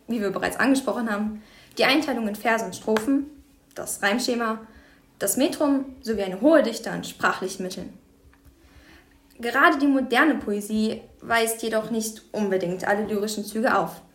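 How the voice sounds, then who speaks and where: A woman with a fairly high voice reads the definitions of a school lesson. She moves through them steadily. A noticeable echo surrounds her voice. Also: normal speed. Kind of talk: scripted educational narration.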